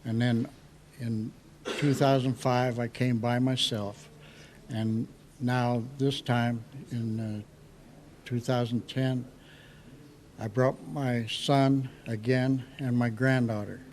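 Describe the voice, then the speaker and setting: An American man in his eighties, an old war veteran remembering his service in a halting, reflective interview. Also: medium pitch, flat delivery, darkish tone, a little hiss or hum. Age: 80s. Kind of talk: recounting war memories in an interview.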